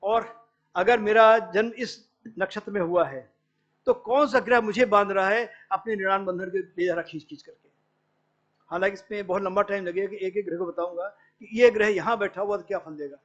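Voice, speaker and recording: A middle-aged male professor giving an academic lecture, explaining patiently and quoting Sanskrit verses. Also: high-pitched. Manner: explains patiently, quotes Sanskrit verses, mixes in English words. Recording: dull lo-fi lecture recording.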